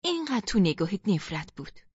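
A woman's voice: medium pitch, sing-song, darkish tone, husky, dry recording, dull audio. A woman voicing a cold, curt middle-aged woman within a read story, speaking dry and cold.

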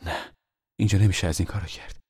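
A man doing a tired, hushed mother. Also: low-pitched, steady tone, breathy edge, dry recording, studio quality. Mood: worried hush. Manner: hushed, often whispering. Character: tired worried mother, gentle and firm. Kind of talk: audiobook character voice.

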